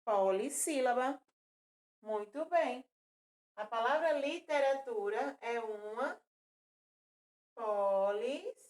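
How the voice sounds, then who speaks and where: A woman's voice: high-pitched, takes it slowly, darkish tone. A woman teaching a children's lesson, patiently repeating words and counting syllables aloud. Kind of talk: recorded classroom lesson for children.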